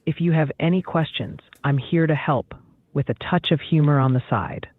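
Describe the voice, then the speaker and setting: A man's voice: a little high, normal speed, dry recording. A synthetic male AI assistant voice speaking formally and upbeat, with canned jokes, heard over a phone line. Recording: tinny phone line, dry.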